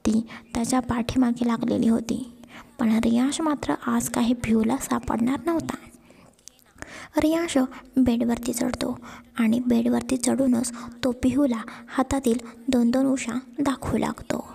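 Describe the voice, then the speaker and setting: Woman reading a love story in a hushed half-whisper, high pitched, gravelly, reverby. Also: steady tone, unhurried. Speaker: narrator. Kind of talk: storytelling narration. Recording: long reverb.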